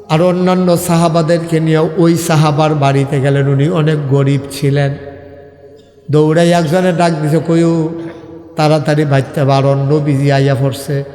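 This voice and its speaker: A man's voice: fairly high pitch, dark tone. Male preacher, sermon storytelling, sung and cried lines, echoey long reverb.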